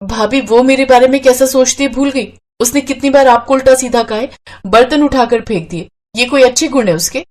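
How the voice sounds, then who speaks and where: A sweet-seeming but sly young twin sister in a cartoon story, as a woman puts her on. Her voice runs a little high, soft and teasing. She is gentle on the surface with a crafty streak. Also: fairly quick. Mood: resentful.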